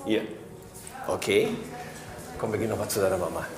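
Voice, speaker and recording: A man in his sixties playing a police detective, talking gently and coaxingly to a child. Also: on the low side, brisk, music in the background. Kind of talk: scripted reality TV acting. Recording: echoey room with hiss.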